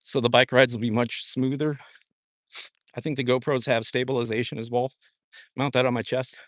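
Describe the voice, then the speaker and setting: A man's voice: mid-range voice, flat delivery, normal speed, fairly bright tone, no room sound, clean studio sound. A laid-back man with a Southwestern American accent, chatting casually during a live stream while walking outdoors and joking about his own mistakes. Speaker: livestream host. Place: outdoors, walking in a dry wash.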